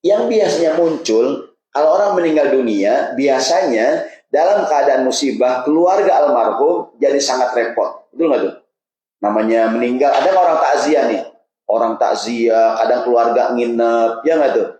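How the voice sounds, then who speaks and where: Joking preacher in a roomy mosque. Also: male voice, medium pitch, normal speed, darkish tone. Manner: joking, chatty, asks the audience questions. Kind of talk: casual humorous sermon. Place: mosque hall.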